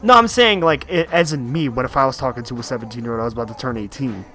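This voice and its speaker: A young man around twenty talks bluntly on a casual podcast, piling up thoughts in long run-on bursts. His pitch sits in a middle range. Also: fast talker, bright, forceful tone. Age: young adult. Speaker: podcast co-host.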